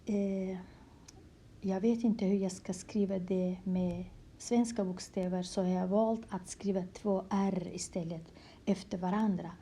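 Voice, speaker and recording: Soft-spoken woman teaching letters. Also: medium pitch, steady tone, slight background noise. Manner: slow, patient, repeats words, often drops to a whisper. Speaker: language teacher. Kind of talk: handwriting lesson in Kurdish letters, explained in Swedish.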